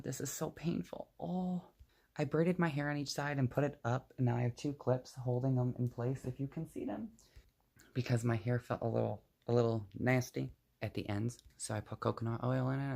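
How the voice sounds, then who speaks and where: Gravelly-voiced young man venting, profane. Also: medium pitch. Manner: rambling, profane and blunt. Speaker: vlogger. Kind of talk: casual venting to camera.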